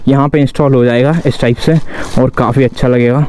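A man's voice: mid-range voice, steady tone, brisk. Chatty young man with street traffic noise. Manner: chatty, lots of "guys" and "bhai" fillers. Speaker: motovlogger. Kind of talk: casual motovlog chat. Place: outdoors on busy town streets and at a roadside shop, riding a motorbike. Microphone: helmet or chest-mounted action camera. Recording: action-camera audio with street traffic noise.

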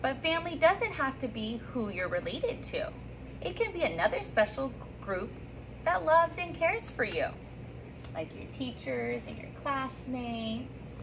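A woman in her thirties, teacher of a third grade class, welcomes her students in an upbeat sing-song and reads them a picture book from the reading corner, her voice high-pitched and a little slow, with lively rises and slips. A phone or camera on a stand a few feet away records her against a noisy background.

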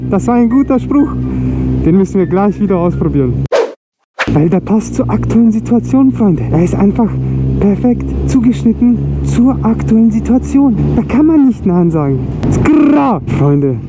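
A man's voice: sits high, big pitch swings, moderate pace, over music. A young man, chatting casually and cheekily on a motorbike vlog. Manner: slangy, laughing, cheeky pickup lines. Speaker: motovlogger. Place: outdoors on a city street, on a motorbike. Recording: noisy street and engine sound.

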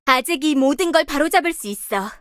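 A woman's voice: high voice, lively intonation, brisk, fairly bright tone, dry recording, clean studio sound. A woman voicing a confident young female star guardian warrior who leads her team, delivering game voice lines with bold, commanding quips. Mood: determined. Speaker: voice actress. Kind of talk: video game character voice lines.

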